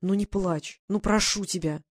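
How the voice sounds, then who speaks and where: A woman's voice: medium pitch, steady tone, moderate pace, lightly acted. A woman reading an audiobook, voicing a blunt, protective grown man who gives firm, clipped orders. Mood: tender.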